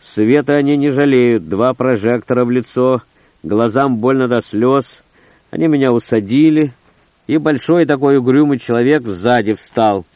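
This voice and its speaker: A man's voice: medium pitch, normal speed, a little mellow, dry recording. A man reading a first-person story aloud in short, terse, gritty phrases. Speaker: audiobook narrator. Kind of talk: first-person audiobook narration.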